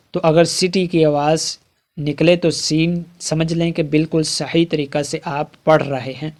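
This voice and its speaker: Man slowly drilling letter sounds. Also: a little high. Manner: drawn-out, carefully articulated syllables with brisk explanatory asides. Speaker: Quran reading teacher. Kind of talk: slow letter-by-letter recitation drill.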